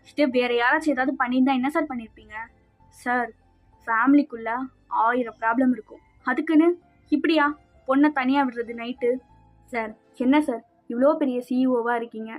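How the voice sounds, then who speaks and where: A woman's voice: a little high, lightly acted. A woman doing a stern lecturing policeman. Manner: lecturing, reproachful. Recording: slightly dull with faint music.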